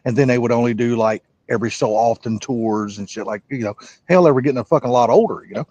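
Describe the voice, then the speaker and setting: A man's voice: mid-range voice, warm tone, no echo, muffled recording. A man, swearing freely in a casual live-stream chat. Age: 50s. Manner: salty, swears freely, drawn-out rambling.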